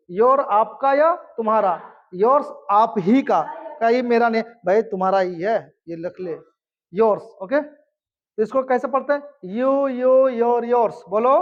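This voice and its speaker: A young man teaching an English grammar class, drilling students with stern mock threats. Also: high voice. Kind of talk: classroom lesson, call-and-response drilling. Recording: dull lo-fi recording.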